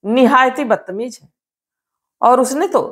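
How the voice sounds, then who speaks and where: A woman's voice: sits high, unhurried, a bit bright. A woman doing an indignant, accusing husband. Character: angry husband, adult man.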